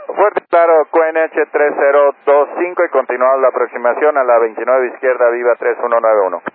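A man's voice: mid-range voice, fairly even intonation, fairly quick. A man working as an airline pilot, speaking over the aircraft radio in clipped readbacks of standard radio phrasing. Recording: narrow radio band.

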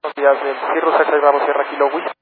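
A man's voice: a little high, little pitch movement, fast talker, phone-quality sound, noisy background. A man working as a pilot, speaking clipped aviation phraseology into a cockpit headset over air-band radio. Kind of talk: radio communication with air traffic control.

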